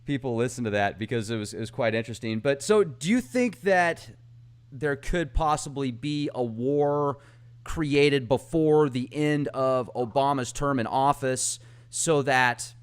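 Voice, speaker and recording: A man's voice: medium pitch, unhurried, clean tone. A man hosting a podcast, chatting in a casual, rambling way and laughing easily. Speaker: podcast host.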